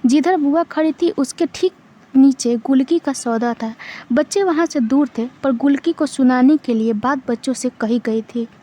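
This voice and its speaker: A woman reading a short story aloud in a steady narrating manner, with small restarts. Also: high voice, moderate pace. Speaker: literature reader.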